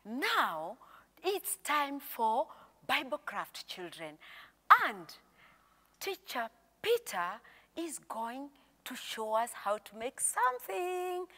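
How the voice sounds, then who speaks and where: Middle-aged woman teacher, high bright voice, slow and lively, a bit of gravel. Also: in a large hall. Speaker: Sunday school teacher. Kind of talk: children's lesson. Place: small room with pink curtains.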